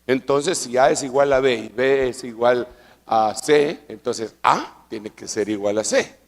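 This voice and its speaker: A man preaching a sermon at a church convention, arguing with rhetorical questions and repetition, and building up to drawn-out shouts. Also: medium pitch, expressive. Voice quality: rises to loud, drawn-out shouting for emphasis. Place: large church convention hall. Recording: long reverb of a large hall.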